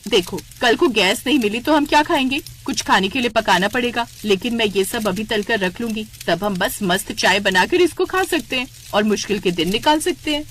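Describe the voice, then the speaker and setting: A woman voicing a sharp-tongued older mother-in-law who scolds and frets in a cartoon story. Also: fairly high pitch, animated, moderate pace, few pauses, a little hiss or hum. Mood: scolding. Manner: scolding, nagging. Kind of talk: cartoon voice acting.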